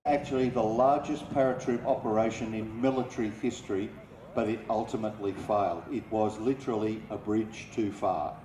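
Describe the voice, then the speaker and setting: A man giving live airshow commentary on aircraft history in a measured, informative way, pausing between phrases, over an outdoor loudspeaker system. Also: lowish voice, steady tone. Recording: echoey distant PA, loud engine noise. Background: aircraft and vehicle noise, outdoor ambience.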